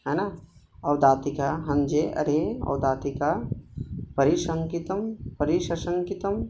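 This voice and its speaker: A man teaching a Sanskrit play, reading each line and then explaining it slowly in plain Hindi with many restarts. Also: fairly high pitch, warm tone, slight background noise.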